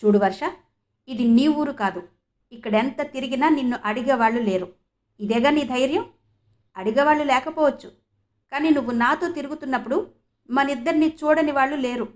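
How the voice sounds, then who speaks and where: An angry, possessive young man snaps and threatens, loud and sneering, as a woman reads him in an audiobook. The voice sits fairly high and pushes hard. The reading is steady and clean. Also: a little fast, long pauses, close to an everyday voice.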